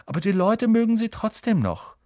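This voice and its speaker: Man voicing a loyal schoolboy friend, earnest, comforting, slightly raised pitch, audiobook character, dry recording. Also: very animated, moderate pace, dark tone, no room sound. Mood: reassuring.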